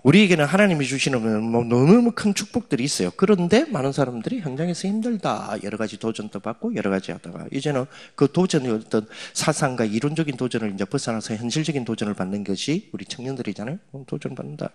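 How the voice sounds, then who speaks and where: Husky, lively pastor. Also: male voice, mid-range voice, fast talker, hardly any pauses. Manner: teasing, conversational, swings from loud to hushed asides. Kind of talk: sermon to young adults.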